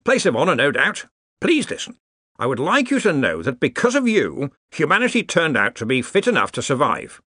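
A man voicing a gruff, bossy male head wizard who talks briskly and gives orders. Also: a little high, huge pitch swings, pushed and bright, dry recording, studio quality, pitched above the performer's own voice, exaggerated voice. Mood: commanding. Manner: brisk and commanding.

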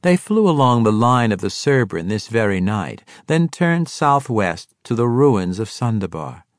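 A man's voice: on the low side, very animated, a little slow, no room sound, clean studio sound. A man voicing a cool, formal female dragon in the guise of an elf.

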